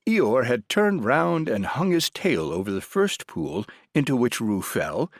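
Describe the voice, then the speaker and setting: A man reads a children's story aloud with a very animated, lively delivery at a middle pitch. The sound is close and dry, with no room around it. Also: a little slow, gravelly, no room sound. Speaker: audiobook narrator. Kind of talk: expressive storybook narration.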